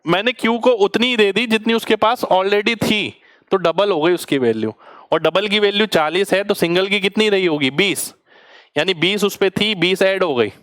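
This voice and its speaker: A man's voice: sits high, moderate pace, fairly bright tone, no echo, clean studio sound. A man teaching a maths exam-prep class, explaining each step patiently in with terms and often asking students whether they understood. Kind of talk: online exam-prep lecture.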